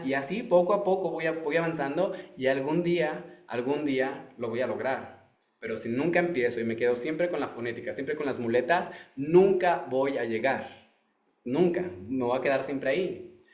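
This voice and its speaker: Brief: Torah teacher, lecture-style explaining, repeats himself, roomy echo. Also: male voice, medium pitch. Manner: repetitive, restarts phrases while explaining. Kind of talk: online masterclass lecture.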